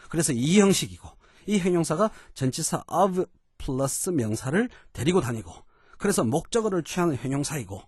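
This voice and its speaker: A man teaching English in a lecture, explaining in Korean and dropping into slow, careful English examples. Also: a little high, darkish tone, no room sound, clean studio sound.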